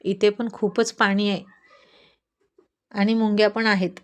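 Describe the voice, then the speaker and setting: A woman's voice: mid-range voice, flat delivery, measured pace, smooth, close to an everyday voice. A woman voicing a bold, talkative young village woman who teases and chatters. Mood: teasing.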